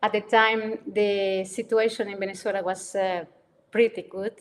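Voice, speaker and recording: A woman's voice: mid-range voice, little pitch movement, moderate pace. Hesitant woman. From Colombia. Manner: hesitant, with many uhs, slight grammar slips. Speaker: guest photographer. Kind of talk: interview answers.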